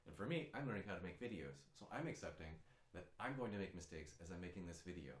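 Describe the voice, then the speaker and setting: A man's voice: low voice, animated, fast talker. Encouraging male singing teacher, roomy sound. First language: German. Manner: encouraging, talks the learner through, demonstrates vowels by singing. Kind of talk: online voice lesson with warmups. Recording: roomy, with guitar faintly behind.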